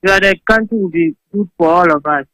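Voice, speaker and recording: A woman's voice: lowish voice, fast talker, fairly bright tone, dry recording. A woman calling in to a talk show over a clipped phone line, speaking hesitantly with many fillers. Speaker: caller. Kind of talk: call-in comment.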